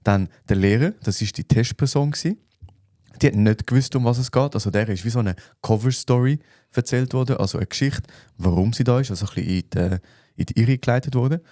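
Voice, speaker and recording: A man with a Swiss German accent, co-hosting a podcast, explaining things in a relaxed way with plenty of fillers. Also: mid-range voice, fast talker, no room sound, studio quality. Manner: relaxed, thinks aloud with fillers. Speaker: podcast co-host. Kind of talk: casual chat.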